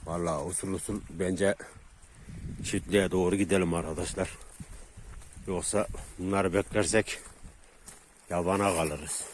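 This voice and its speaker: A man vlogging outdoors in the countryside on his way to a farm, talking in a hushed low voice on a camera mic. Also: steady tone, unhurried, pauses often, a little hiss or hum. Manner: talks low and hushed while tracking, then loud and high calling to his dogs. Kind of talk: casual outdoor vlog.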